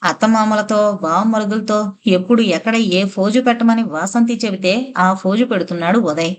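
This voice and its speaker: A woman narrating an audio novel in a steady, even storytelling manner. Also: medium pitch, moderate pace.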